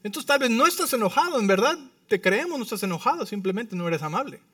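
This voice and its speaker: Lively, high-voiced pastor preaching. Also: male voice, fast talker, dry recording, clean studio sound, far from the mic. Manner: lively, humorous storytelling with frequent tag questions. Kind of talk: sermon. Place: church sanctuary.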